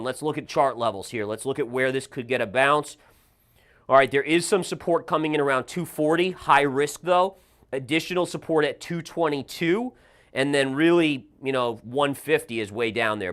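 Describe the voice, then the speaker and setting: A man hosting a trading show walks through stock charts in brisk, live commentary. He thinks out loud and reacts as he reads the numbers, at an ordinary mid pitch. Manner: brisk, reacts aloud while reading charts. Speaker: market analyst host.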